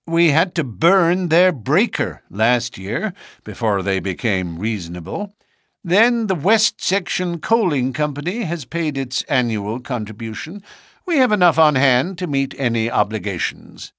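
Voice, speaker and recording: A man's voice: mid-range voice, big pitch swings, measured pace, a bit bright, no room sound, clean studio sound, voice pushed up. A male narrator voicing a boastful, callous lodge treasurer in a storybook reading. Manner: brash, boastful.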